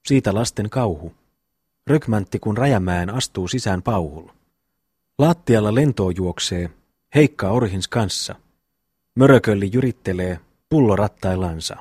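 A man's voice: fairly low pitch, darkish tone, breathy edge, dry recording, clean studio sound. A man reading the part of a bold young brother who recites a long mocking rhyme in a sing-song rhythm. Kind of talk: audiobook reading.

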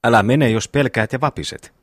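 A man's voice: mid-range voice, no echo, clean studio sound, natural voice. A man reading the part of a witty youngest brother in an audiobook, sly and mocking. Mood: teasing.

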